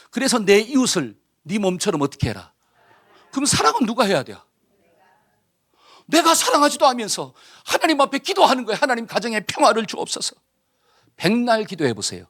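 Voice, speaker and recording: A man's voice: sits high, fairly bright tone. A man preaching a sermon as pastor, firing rhetorical questions and leading the congregation in responses. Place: church.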